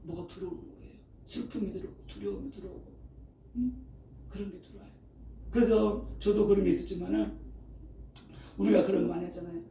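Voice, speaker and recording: Middle-aged guy preaching in a church, mellow dark voice, keeps tossing out "eh?" to the crowd. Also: sits high, expressive, brisk, gravelly, pauses often, slight background noise. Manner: frequent rhetorical "어?" and "예?" prompts to the congregation. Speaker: pastor. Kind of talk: sermon. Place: church sanctuary. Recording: echoey room, mic at a distance, faint ambience.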